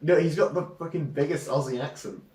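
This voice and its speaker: A young man, an interview guest, talking in casual chat with quick joking banter and frequent laughs. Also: fairly high pitch, a little mellow. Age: young adult. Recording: echoey room, mic far off.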